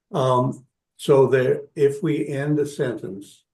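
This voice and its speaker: A man on a video call asking a question in a workshop, speaking slowly and carefully to check he understands. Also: mid-range voice, steady tone, a little mellow. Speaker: workshop participant. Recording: roomy echoey call audio.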